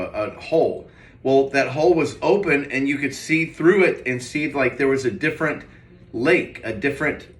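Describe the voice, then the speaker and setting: Recorded on a distant mic with a roomy echo, a male vlogger with a mid-range, fairly bright voice tells a rambling personal story. He's describing a dream, sounding foggy and confused, with hesitant phrases that trail away.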